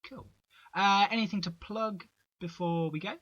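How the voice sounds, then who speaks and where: A male podcast host in a casual chat, easygoing and quick to laugh. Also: high-pitched, fairly even intonation, fairly bright tone, no echo, lo-fi sound.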